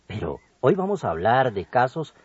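A man co-hosting an educational radio program, reading a grammar lesson slowly and deliberately. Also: very animated, darkish tone, slightly rough, no room sound. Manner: slow, deliberate, with wide swings in pitch. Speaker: co-host of a language program. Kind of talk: scripted educational radio narration. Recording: dull lo-fi broadcast audio.

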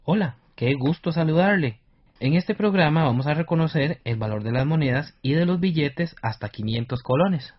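Husky Costa Rican male teacher. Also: fairly high pitch, lively intonation, normal speed, dull audio. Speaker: teacher and radio co-host. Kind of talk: scripted lesson presentation.

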